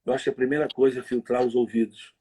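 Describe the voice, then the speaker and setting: A man preaching conversationally on a livestream, telling stories in a lively, slangy way. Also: mid-range voice, slightly rough. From Rio de Janeiro. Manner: lively storytelling, slangy, quick asides.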